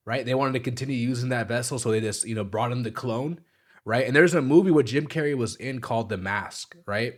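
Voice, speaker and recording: A man hosting a casual live stream, talking in a loose, slangy way and breaking into laughter. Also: mid-range voice. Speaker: streamer host.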